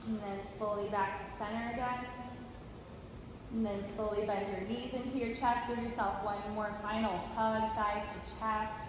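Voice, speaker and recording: A woman yoga teacher guiding relaxation in a gentle, soothing, reassuring manner. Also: medium pitch, steady tone, moderate pace. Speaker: yoga teacher leading a class. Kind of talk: guided yoga and relaxation instruction. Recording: very echoey hall with clear noise.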